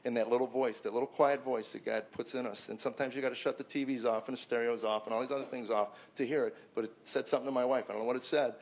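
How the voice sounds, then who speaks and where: A man's voice: steady tone, very fast, few pauses, slight background noise. A man in his fifties giving a personal testimony to a men's gathering, emphatic and repeating words when stuck. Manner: emphatic storyteller, swings loud and high at peaks.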